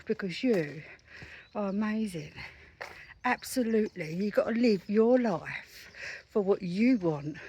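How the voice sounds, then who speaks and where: Out on a street, a middle-aged self-help author recounts exchanges with her neighbours in a relaxed walking vlog. She has a husky, lowish voice with a darkish tone.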